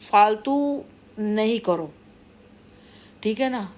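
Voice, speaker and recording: A woman's voice: medium pitch, animated, drawn-out words, darkish tone. A middle-aged woman talking casually to her viewers, rambling and repeating her warnings in a scolding way. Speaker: vlogger. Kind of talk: casual monologue to camera.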